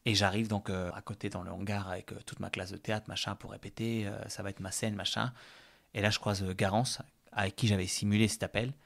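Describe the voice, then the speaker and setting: Man, podcast guest, casual storytelling, chatty, gravelly voice. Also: lowish voice, little pitch movement, brisk, fairly bright tone. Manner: chatty, many fillers and verbal tics. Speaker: guest telling a personal story.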